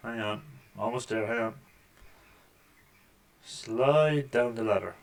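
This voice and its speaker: A gaming channel host with a deep voice plays a video game at home, giving a slow, casual let's-play commentary into a desk microphone with a mixer. His running remarks are wry, full of dry joking asides about what appears on screen.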